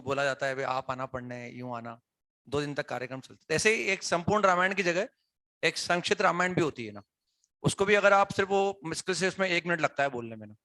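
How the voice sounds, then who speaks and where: A man's voice: on the high side, sharp tone, no room sound. A male teacher talks to his students in a classroom, explaining things conversationally and often checking whether they follow. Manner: conversational, asks students questions, frequent "है ना" tags.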